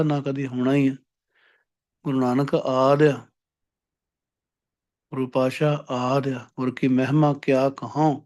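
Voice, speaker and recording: A man giving a Sikh scripture sermon, who chants each verse slowly and then explains it in plain everyday talk. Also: on the high side, darkish tone. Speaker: Sikh preacher giving katha. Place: based in Canada.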